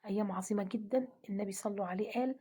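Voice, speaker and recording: Fast, husky Egyptian woman preaching softly. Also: medium pitch. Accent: Egyptian Arabic. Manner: soft, often half-whispered delivery. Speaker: religious speaker. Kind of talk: gentle devotional talk.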